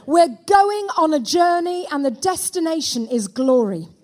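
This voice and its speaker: High-voiced woman preaching at a pulpit microphone. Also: sing-song, unhurried, a little mellow. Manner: calls out for amens from the congregation. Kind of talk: sermon. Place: church.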